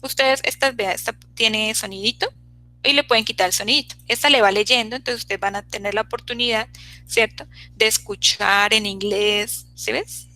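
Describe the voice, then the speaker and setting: Lady teacher on an online class, bright and kinda high, always asking "right?" to check in. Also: steady tone, moderate pace, poor audio. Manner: checks in constantly with "¿cierto?" and "¿sí?". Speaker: English teacher.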